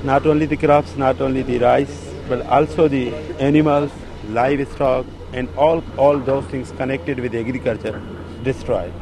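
A man heard as a live interpreter voice, speaking in first person for a farmer in short, halting phrases, recorded outdoors on a levee. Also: mid-range voice, steady tone, creaky, a crowd in the background, low-quality recording. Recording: field recording with loud outdoor and traffic noise.

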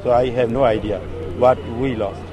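Male live interpreter voice, halting first-person delivery, outdoor field recording with heavy traffic noise. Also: mid-range voice, fairly even intonation. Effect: live interpreter voice, speaking in first person for a farmer. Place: outdoors on a flood levee.

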